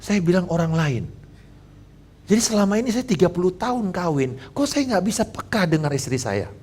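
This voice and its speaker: Lively joking pastor in his fifties. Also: sits high, brisk, breathy edge. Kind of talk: sermon.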